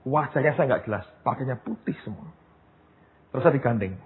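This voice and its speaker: A man preaching a sermon as pastor, telling stories in a lively way and often turning to his listeners as brothers and sisters. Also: medium pitch, a little fast. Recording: tinny phone-like sound, long hall reverb, faint noise.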